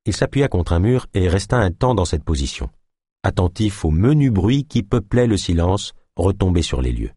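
A man narrating an audiobook in expressive scripted storytelling. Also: low voice, moderate pace, husky, no echo, studio quality.

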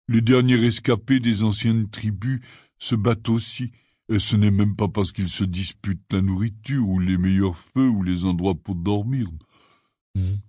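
A gruff, kindly half-giant gamekeeper, read by a man spins a rambling, earnest tale in an audiobook. The voice sits low and husky, with a dark, mellow color. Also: fairly even intonation, unhurried, dry recording, studio quality. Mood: rueful. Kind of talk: audiobook character reading.

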